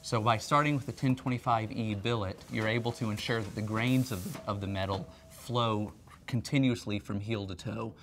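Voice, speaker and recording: A man in his thirties speaks as a company R&D representative presenting a factory tour, in a conversational, explanatory promotional style. His voice sits on the low side with a steady tone and moderate pace. Background noise and background music are present.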